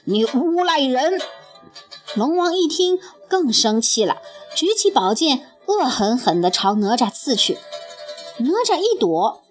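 A woman narrating a children's storybook in an expressive, lilting way. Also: fairly high pitch, measured pace. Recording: faint music bed.

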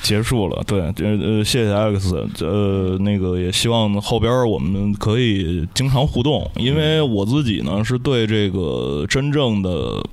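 A man's voice: lowish voice, expressive, measured pace, few pauses, a little mellow, dry recording. A man with a Beijing accent hosting a casual podcast in a wry, colloquial way. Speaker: podcast host.

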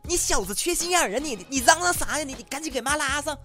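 A man's voice: very high voice, lively intonation, fast talker, sharp tone, faint music behind, pitched above the performer's own voice, exaggerated voice. A man voicing a brusque mother with a Northeastern Mandarin accent, scolding and stammering in a comic story.

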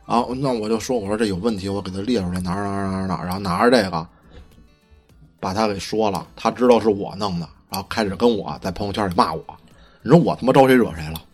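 Husky-voiced guy ranting fast on a podcast, swears a lot, trips over his words, faint music behind. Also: lowish voice. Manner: profane, heated storytelling; stammering restarts. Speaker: podcast co-host. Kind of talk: casual chat.

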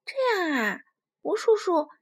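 A woman voicing a timid, tearful baby spinosaurus in a children's storybook, squeaky and pleading. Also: very animated, unhurried, full character voice. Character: crybaby little baby spinosaurus, timid and sweet.

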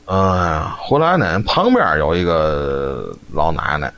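A man's voice: very deep voice, wildly swooping pitch, takes it slowly, a bit bright. A man telling a folk ghost story on a live stream, chatty and always checking "you know?". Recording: dull lo-fi stream audio, faint noise.

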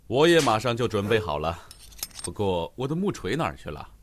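A man voicing a mild, good-natured, unhurried fireman in a children's cartoon dub. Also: fairly low pitch, big pitch swings, slight background noise.

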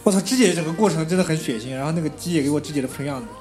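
A man's voice: fairly high pitch, soft background music. A man in a casual group chat telling vivid stories and swearing freely. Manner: rapid, animated storyteller who swears freely.

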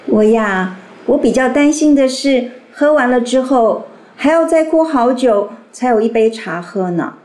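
A woman teacher gently explaining reading methods to young children. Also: a little high, animated, a little slow, hardly any pauses, rough recording.

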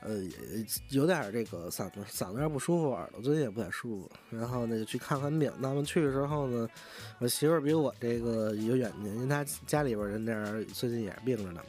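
A man's voice: medium pitch, quick pace, darkish tone, soft background music. A man with a Beijing accent tells a story in a casual, rambling way, swearing freely and often restarting his sentences. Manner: profane, rambling, frequent restarts. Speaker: vlogger.

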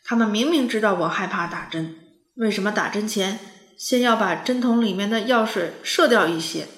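A woman voicing a timid chubby boy animal who is terrified of injections and shouts in a whiny, panicky way. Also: medium pitch, normal speed, echoey room, close to an everyday voice. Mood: indignant.

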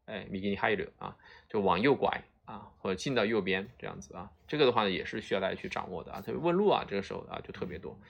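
A man's voice: fairly low pitch, expressive, quick pace, gravelly, dull audio. A man teaching Japanese vocabulary in a lecture, explaining each word patiently and checking in with listeners often. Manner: explains patiently, tags phrases with "啊" and "对吧".

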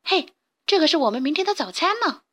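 Brief: bold bossy chick for a children's storybook, voiced by a woman, shrill, very high. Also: very animated, fast, a bit bright. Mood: teasing.

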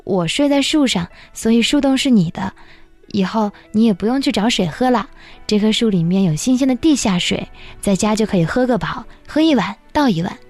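A woman's voice: medium pitch, animated, a little fast, a little mellow, faint music behind, natural voice. A woman voicing a clumsy, devoted male monkey who speaks earnestly and eagerly.

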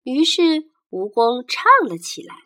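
High, lively female storyteller. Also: a little slow. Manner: expressive, animated reading. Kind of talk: children's story narration.

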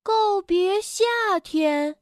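A woman's voice: extremely high pitch, lively intonation, unhurried, no room sound, studio quality, pitched above the performer's own voice. A woman voicing a cheeky, fearless male frog in a children's storybook, with a chirpy, teasing and bold manner.

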